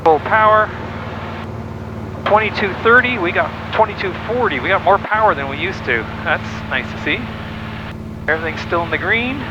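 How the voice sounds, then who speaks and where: A man piloting a small plane, calmly calling out his checklist over the cockpit headset intercom. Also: high voice, normal speed, lo-fi sound, background noise. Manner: calm, running checklist callouts. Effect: speaking over the aircraft intercom headset in the cockpit. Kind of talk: talking through a test flight. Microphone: headset mic.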